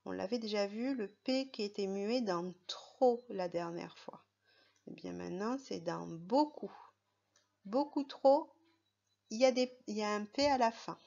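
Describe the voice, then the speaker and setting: A primary school teacher with a medium-pitched, creaky, slightly mellow voice teaches young children to read, spelling out words letter by letter with patience and care. The recording sounds muffled.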